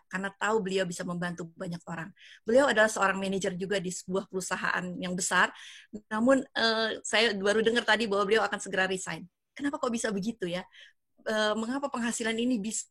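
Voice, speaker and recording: A woman's voice: mid-range voice, fairly bright tone, no room sound. Woman in her fifties, event emcee, online video call, dry close sound, fillers and light laughs. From Indonesia. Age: 50s. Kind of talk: online business presentation.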